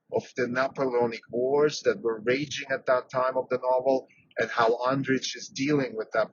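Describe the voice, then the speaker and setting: A man who grew up in Switzerland, hosting a solo podcast and thinking aloud, with frequent fillers and restarts. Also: medium pitch. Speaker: podcast host. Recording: dull lo-fi sound with faint background noise.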